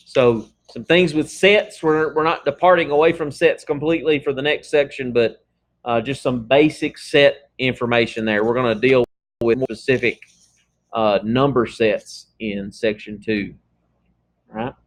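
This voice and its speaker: A man's voice: medium pitch, normal speed. Guy teaching math, laid back, keeps asking "okay?", medium voice. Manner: casual, talks through examples with frequent "okay?" checks. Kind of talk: classroom math lecture.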